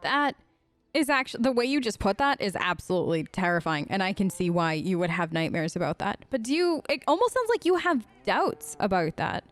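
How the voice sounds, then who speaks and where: A woman hosts a role-play let's play, voicing her character's lines off the cuff. Her medium-pitched voice is very animated and fairly quick, and she keeps things chatty and conversational, reacting with questions.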